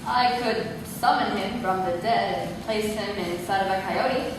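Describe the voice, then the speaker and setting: A woman's voice: high voice, animated, measured pace, heavy background noise. A woman playing a sweet, earnest young devil, a devoted grandson, in a comedic stage play. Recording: very echoey hall, loud audience.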